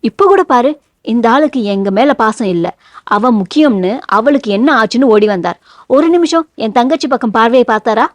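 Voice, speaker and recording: A woman's voice: on the high side, animated, normal speed, no room sound, close to an everyday voice. A woman reading the lines of an angry young man who scolds his wife and mother over his sister in a novel. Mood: furious scolding. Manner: scolding, biting outbursts.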